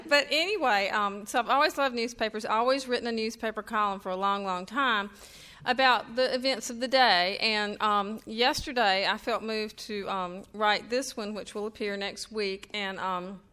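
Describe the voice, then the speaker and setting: A middle-aged North Carolina author with a Southern accent gives a chatty, self-deprecating, funny talk at a reading before a live audience in an event room. Her medium-pitched voice moves at a normal speed and sounds pushed, bright, and smooth.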